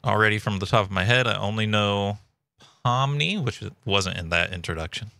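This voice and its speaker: A man hosts a casual commentary video in a fairly low voice with a creaky edge. He talks conversationally, close to the mic in a dry home setup. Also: normal speed, pushed and bright, no room sound. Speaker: video host giving thoughts and theories.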